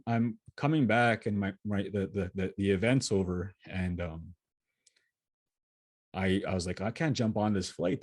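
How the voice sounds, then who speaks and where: A man's voice: lowish voice, darkish tone, dry recording. A man giving a motivational keynote from his home setup over a video call, speaking earnestly and often restarting and repeating his words. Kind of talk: motivational talk answering questions.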